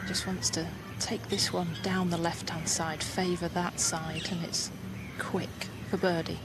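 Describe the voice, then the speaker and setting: A woman's voice: fairly low pitch, little pitch movement, a little slow. A woman giving live golf commentary and analysis as a broadcast analyst. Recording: outdoor broadcast with clear background noise.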